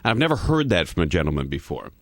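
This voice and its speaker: Joking low-voiced radio host. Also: male voice, very animated, racing, no room sound. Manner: joking, rambling storyteller. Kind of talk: casual radio banter. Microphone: studio microphone.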